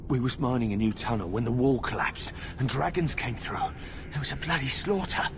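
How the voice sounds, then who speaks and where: A coarse, plain-talking miner who has just fled for his life, acted by a man in a video game. His voice sits at an ordinary middle pitch. Steady noise runs under the game audio. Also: brisk, lightly acted. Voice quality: plain-spoken, coarse words. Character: frightened working-class male miner, rough-spoken.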